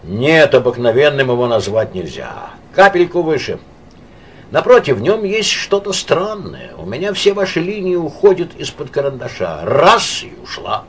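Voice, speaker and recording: A blunt, boisterous male painter, as a male reader does him, holding forth in a brash, lecturing storybook voice. His pitch swings widely from word to word. A mid-range man's voice with a faint hum behind it. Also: huge pitch swings, normal speed.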